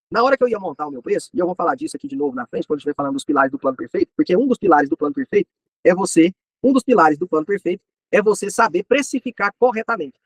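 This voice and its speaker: A man's voice: very high voice, vocal fry, slightly rough, dry recording, low-quality recording. A man with a Brazilian Portuguese accent, a farrier teaching other horse professionals in a practical business lesson. He speaks directly, repeats key points and adds chatty asides.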